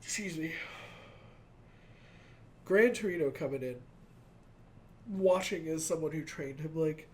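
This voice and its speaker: A young man's slightly high voice moves a little slowly and pauses often as he rambles, filling his talk with "like," during an emotional, casual anime reaction. His nose is stuffed up from crying. He records in a small home room with shelves of figures, and slight background noise can be heard.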